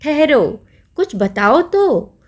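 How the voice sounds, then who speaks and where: A woman's voice: high-pitched, very animated, extremely slow, voice pushed up, exaggerated voice. Woman doing a curious storybook elephant. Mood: puzzled. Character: big male elephant, puzzled and curious.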